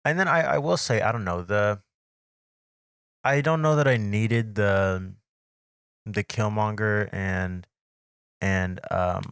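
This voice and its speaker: A man co-hosts a casual podcast in a fairly low voice. He speaks in a measured, agreeable way and thinks aloud as he goes. The sound is close and dry. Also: fairly bright tone, clean tone, no echo. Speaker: podcast co-host. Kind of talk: casual chat. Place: home studio. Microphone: desk mic on a live stream.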